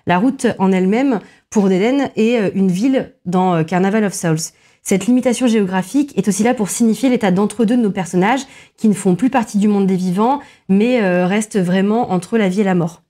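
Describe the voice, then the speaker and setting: Woman podcaster, mellow mid-pitched voice, hesitant chatty critic. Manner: many filler pauses, restarts, self-deprecating asides. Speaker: film podcast co-host. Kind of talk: casual film analysis chat.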